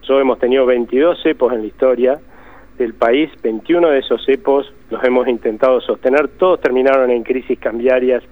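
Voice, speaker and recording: A man's voice: medium pitch, steady tone, fairly quick, no room sound. An Argentine man being interviewed as an economist, explaining emphatically and often rephrasing himself. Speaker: economist guest. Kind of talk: interview answers. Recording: tinny phone line.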